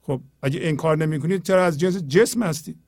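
High-voiced man teaching spiritual poetry. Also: no echo, studio quality. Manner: earnest, explanatory, often drops to a low quiet tone. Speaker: host explaining poetry.

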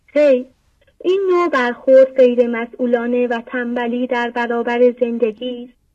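A woman's voice: fairly high pitch, steady tone, darkish tone, no echo. A woman caller reading a verse and explaining it earnestly, posing rhetorical questions, heard over a dull, distant line. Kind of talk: reflective spiritual commentary.

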